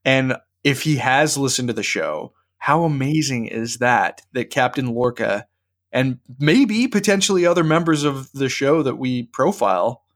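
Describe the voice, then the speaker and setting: A man hosting a podcast, telling a rambling, animated anecdote with lots of restarts in a casual chat. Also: mid-range voice, measured pace. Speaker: podcast host.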